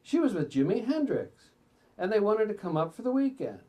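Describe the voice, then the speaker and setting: At a bookstore event, a man reads memoir excerpts aloud live, sometimes stumbling and breaking from the text for asides. His voice is high, very animated, warm in tone and a little fast.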